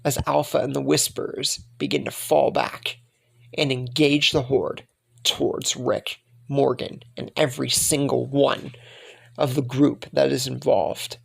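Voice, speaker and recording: A young man narrating a fan-made story in a slow, dramatic way, repeating words for emphasis. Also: medium pitch, little pitch movement, vocal fry, breathy edge.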